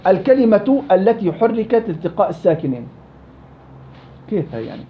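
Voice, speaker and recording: A man's voice: high voice, very animated, brisk, slight background noise. A man teaching tajweed rules to a class, quizzing students and drilling examples aloud. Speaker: Quran recitation teacher. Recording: dull lo-fi classroom recording.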